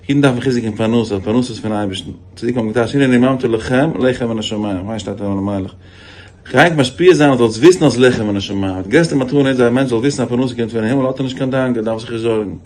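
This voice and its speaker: A man's voice: medium pitch, quick pace. A man, a rabbi, giving a storytelling sermon on faith, restarting phrases often and jumping his voice up for quoted people. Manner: animated, many repeated restarts, voice jumps up for quoted lines.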